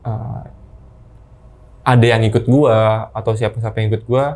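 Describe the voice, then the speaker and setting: A man, casually recounting a ghost story as a guest, halting and unhurried with slangy asides. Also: mid-range voice, level tone, a little mellow.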